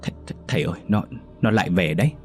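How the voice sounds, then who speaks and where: A man's voice: deep voice, expressive, quick pace, a little mellow, faint music behind. A man doing a terrified stammering old grandfather. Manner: stammering, trembling pleas.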